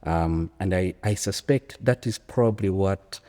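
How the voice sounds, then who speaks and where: Deep and warm, a man's voice moves at a measured pace as he answers an interview in conversational, storytelling style. He's an early-forties economics academic with a Zambian accent, reflective and emphatic, often repeating phrases, in a hall with long, echoing reverb.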